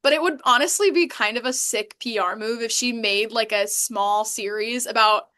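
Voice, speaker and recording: A young woman co-hosts a podcast in casual chat, her voice sitting a little high. She rants with open indignation and laughs between her points. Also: normal speed, bright, forceful tone. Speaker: podcast co-host.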